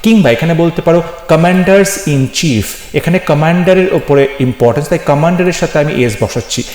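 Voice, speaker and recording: A man teaching an English grammar lesson, patiently explaining rules and slowing down to spell out example phrases. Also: fairly high pitch, a little mellow. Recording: echoey room with long reverb.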